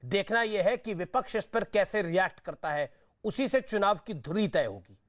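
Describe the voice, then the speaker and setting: A man's voice: sits high, animated, moderate pace. A man anchoring a televised news debate, pressing and repeating his questions over interruptions and then closing the show. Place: TV studio.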